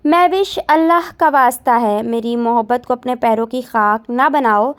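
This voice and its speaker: A woman's voice: fairly high pitch, moderate pace, natural voice. A woman voicing a lovesick young man, pleading. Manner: earnest, imploring.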